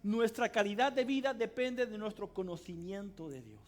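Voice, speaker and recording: A man preaching a sermon as pastor of a church, emphatic, swinging between loud cries and quiet asides and calling on the congregation to answer aloud. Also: high voice, normal speed. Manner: calls on the congregation to respond aloud. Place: church service hall.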